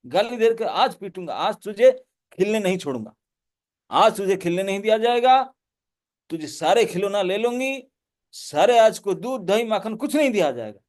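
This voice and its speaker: A stern mother scolding her mischievous little son with threats, her voice raised and sharp, as a man acts her out in a spoken story. She speaks forcefully and demands the truth. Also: sits high, lively intonation, moderate pace.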